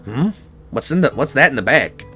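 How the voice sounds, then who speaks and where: An earnest, careful young male hero from a video game, read out by a man in his own voice. The tone is bright and forceful. Soft game music plays behind. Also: medium pitch, very animated, moderate pace.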